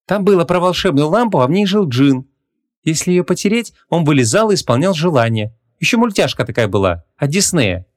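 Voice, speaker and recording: A man voicing a bold, sharp-tongued young woman who talks brashly and with disbelief. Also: on the high side, sing-song, a little fast, voice pushed up. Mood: bewildered. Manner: brash, incredulous.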